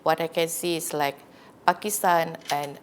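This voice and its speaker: A woman speaks in a low, chatty voice as a guest academic. She answers in a loose way, stopping and restarting with many fillers. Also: fairly even intonation, a little slow, slight background noise. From Indonesia. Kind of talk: casual interview answers.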